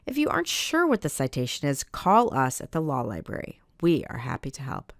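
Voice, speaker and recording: Woman narrating a library training, gravelly. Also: sits low, huge pitch swings, no echo, clean studio sound. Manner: measured, instructional, reads do's and don'ts.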